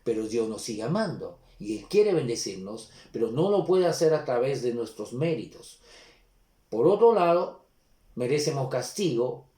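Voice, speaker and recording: Mellow-voiced pastor preaching. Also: male voice, medium pitch. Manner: earnest preaching, slows to stress scripture readings. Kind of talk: sermon. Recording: echoey room.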